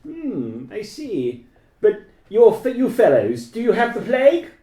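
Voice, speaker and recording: A man's voice: high-pitched, wildly swooping pitch, a little slow, mellow, pitched above the performer's own voice, full character voice. A man voicing a suspicious, formal young male plague doctor who asks probing questions in old-fashioned speech. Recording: echoey room.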